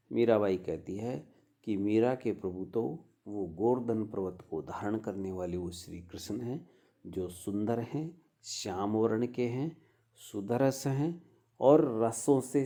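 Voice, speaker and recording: A man with a Rajasthani Hindi accent giving a lecture on devotional poetry, reciting verses slowly and then explaining them line by line. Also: fairly low pitch, mellow. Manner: slow, measured, chants verses then explains.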